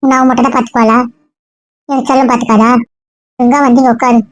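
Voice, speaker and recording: A woman's voice: on the high side, flat delivery, fast talker, dry recording, close to an everyday voice. An actress playing a stubborn, complaining woman in a family comedy-drama skit. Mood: pleading. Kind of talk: casual web-series acting. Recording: dull lo-fi dry sound.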